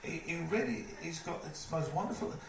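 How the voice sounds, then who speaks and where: A man telling a lively stage anecdote, putting on other people's voices as he goes. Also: a little high, a little fast. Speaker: storyteller at a live evening event. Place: live event venue, indoors. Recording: echoey room, distant mic, noisy.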